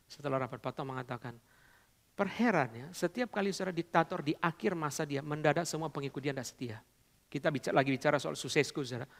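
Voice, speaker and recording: A male pastor preaching a sermon, swinging from quiet murmurs to loud exclamations as he addresses the congregation. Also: fairly high pitch, fast talker. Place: church hall. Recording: long church reverb.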